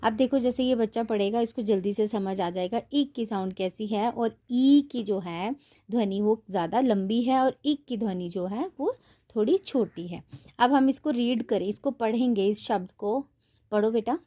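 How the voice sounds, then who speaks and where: A woman leads a young child through a phonics lesson. Her voice sits a little high, and she stays patient and coaxing, stretching each sound out slowly so the child can repeat it. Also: warm tone. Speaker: teacher.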